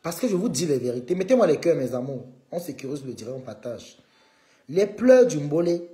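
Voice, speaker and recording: A man's voice: medium pitch, animated, fast talker, dark tone, roomy sound, soft background music. A man hosting a live stream, needling a rival and calling on his viewers in a combative way.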